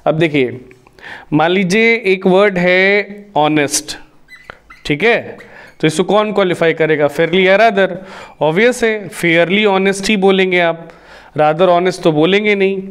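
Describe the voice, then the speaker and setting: A man's voice: high-pitched, clean tone. A man teaching English grammar in Hindi, explaining step by step and asking the class questions before answering them himself. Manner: reads English example sentences slowly, word by word. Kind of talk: Hindi-medium grammar lecture.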